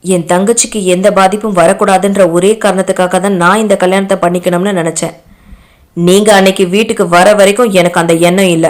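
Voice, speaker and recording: A woman's voice: mid-range voice, steady tone, a little fast, lightly acted. A woman voicing a young man who speaks harshly and scornfully. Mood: firm.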